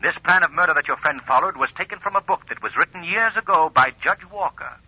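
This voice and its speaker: An actor playing a mysterious, commanding crime-fighter in a theatrical 1940s radio mystery style, precise and menacing. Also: male voice, fairly high pitch, fast, husky, no room sound. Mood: stern, accusing. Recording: dull old-time radio recording.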